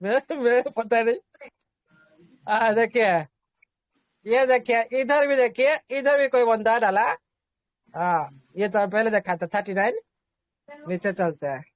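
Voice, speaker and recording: A man's voice: extremely high pitch, unhurried, pauses often, dry recording. A man hosting an online group meeting, explaining casually, repeating himself and reassuring the listeners while mixing in English terms.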